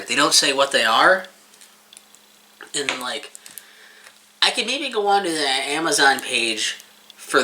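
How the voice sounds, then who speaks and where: A casual reviewer chats through a taste test in a rambling, informal way with plenty of swearing. The voice is bright and forceful, with animated swings in pitch. There is clear background noise on the recording. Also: low-quality recording. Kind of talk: casual rambling chat, reviewing while eating.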